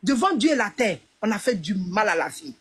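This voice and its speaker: A woman's voice: medium pitch, big pitch swings, fairly quick, husky. A middle-aged woman with an Ivorian French accent, giving emotional testimony in an emphatic, repetitive way. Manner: emphatic, repetitive, proverb-laden. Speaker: interviewee, family member of a deceased man.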